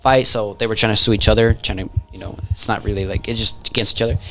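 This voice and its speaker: A man's voice: fairly low pitch, steady tone, quick pace, a bit bright, soft background music. A young man co-hosting a podcast, chatting casually, loose and joking, laughing often. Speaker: podcast co-host. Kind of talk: casual chat.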